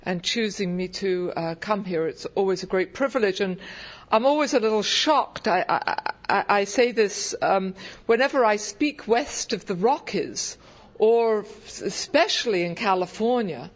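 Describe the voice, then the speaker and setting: A woman's voice: medium pitch, expressive, unhurried. An English-accented woman giving a humorous personal talk to an audience at a convention, wry, hesitant and self-deprecating. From England. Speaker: guest convention speaker. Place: convention meeting room, speaking to an audience. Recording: dull, lo-fi live event recording.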